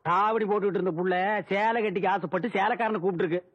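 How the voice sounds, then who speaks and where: A sarcastic village man trades barbs in a film comedy scene. His voice sits very high and the jibes come out rapid and scornful. He mocks everyone within reach. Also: steady tone, slightly rough. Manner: rapid mocking banter, high strained voice. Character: sharp-tongued sarcastic village man, quick insults.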